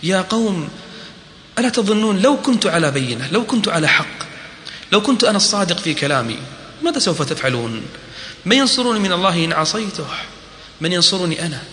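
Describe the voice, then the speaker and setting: A middle-aged man preaching a sermon that retells a prophet's story, switching between slow melodic chanting of scripture and rhetorical questions. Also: high-pitched, big pitch swings, fairly bright tone, a little hiss or hum. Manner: speaks in rhetorical questions and repetition. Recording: reverberant hall recording.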